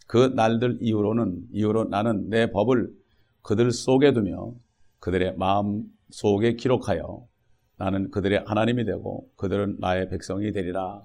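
A man with a somewhat low, gravelly voice preaches a sermon. He reads scripture aloud and then speaks to the congregation in an animated, conversational way, tossing out quick rhetorical questions. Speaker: pastor.

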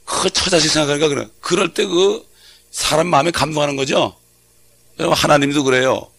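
Middle-aged man, pastor, conversational sermon, gravelly rasp, prods congregation with questions. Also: fairly high pitch, brisk, fairly bright tone. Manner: conversational preaching with frequent call-and-response questions.

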